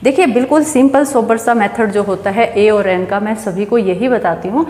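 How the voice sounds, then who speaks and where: A woman's voice: medium pitch, normal speed, a little mellow. A woman teaching an English grammar lesson, explaining step by step and asking and answering her own questions. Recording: echoey room with long reverb.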